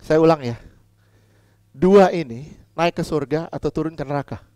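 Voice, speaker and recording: A man preaching a sermon as pastor, putting questions to the congregation, repeating key lines and swinging between loud emphatic lines and quiet asides. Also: on the high side, normal speed, no echo, studio quality.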